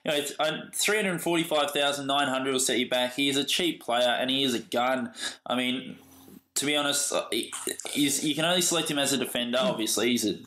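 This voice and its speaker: A man's voice: medium pitch, brisk, pushed and bright, reverberant, poor audio. An Australian man co-hosting a casual fantasy football chat, eager and hesitant, often repeating words. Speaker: fantasy football podcast co-host.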